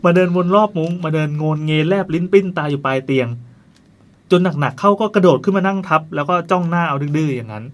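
A man's voice: on the high side, lively intonation, quick pace. A man narrating a ghost story in a casual, chatty way, tossing playful asides to his co-host.

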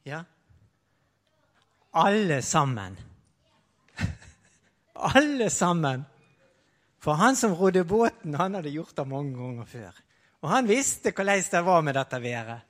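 A man telling a Bible story to children as a lively sermon, speaking as a disciple in first person and leading the audience in sound effects. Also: on the high side, long reverb tail.

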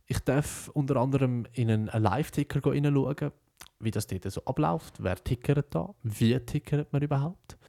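A man's voice: medium pitch, moderate pace, gravelly, warm tone. Young Swiss German man hosting a podcast. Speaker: podcast host, broadcaster intern. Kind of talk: casual podcast monologue.

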